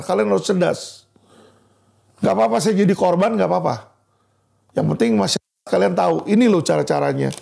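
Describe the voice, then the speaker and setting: A man's voice: sits high, gravelly, mellow. A man speaking as a lawyer, delivering a heated legal commentary and repeatedly addressing an official as "Pak," in a manner. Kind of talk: impassioned legal commentary video.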